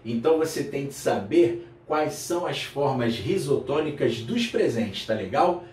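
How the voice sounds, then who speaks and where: A male Brazilian Portuguese teacher giving a grammar lesson to his viewers, slowing down to repeat key terms and checking in with the student. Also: medium pitch, expressive, a little mellow, distant mic. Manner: addresses viewer as "meu aluno", checks in with "tá legal?". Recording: echoey room, voice off-mic.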